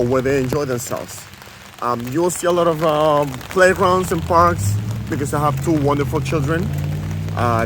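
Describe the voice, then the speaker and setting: A man raised in Venezuela chatting casually as a travel vlogger, rambling with many fillers and restarts, filming himself outdoors on a handheld camera under an umbrella. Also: mid-range voice. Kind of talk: casual walking vlog. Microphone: handheld camera held close. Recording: rain noise on outdoor camera mic. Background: rain falling.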